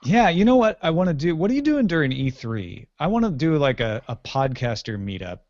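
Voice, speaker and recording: A friendly man hosts a casual podcast after-show chat, joking easily with his co-host. His voice sits at a middling pitch. The sound is dry and slightly dull. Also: big pitch swings, brisk, a little mellow, dry recording.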